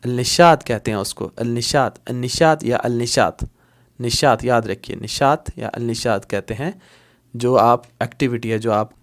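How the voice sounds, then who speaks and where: Patient male Arabic tutor, repeating words. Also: medium pitch. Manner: explains patiently, repeating each word several times; switches between Hindi-Urdu explanation and English glosses. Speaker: Arabic language teacher. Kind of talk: online language lesson.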